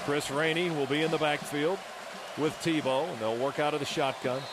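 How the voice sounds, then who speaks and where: A man's voice: fairly high pitch, steady tone, moderate pace. An American man doing live radio play-by-play of football, giving touchdown calls in a clipped running description of each play. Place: open stadium broadcast booth. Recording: loud stadium noise behind broadcast voice. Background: loud stadium ambience.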